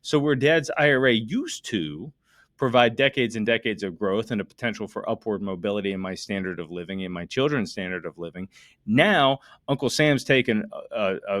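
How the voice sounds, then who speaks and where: Dry, studio-quality audio carries the somewhat low voice of a middle-aged American man who practices estate planning law. He explains things emphatically to his listeners, addressing them directly, doing numbers out loud and leaning heavily on rhetorical questions.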